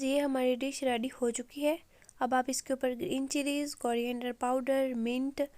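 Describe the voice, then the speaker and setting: Hoarse woman narrating a recipe. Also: high-pitched, dry recording. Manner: calm, step-by-step with frequent "uh" pauses. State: sore throat, hoarse. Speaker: cooking channel host. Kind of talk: recipe voice-over.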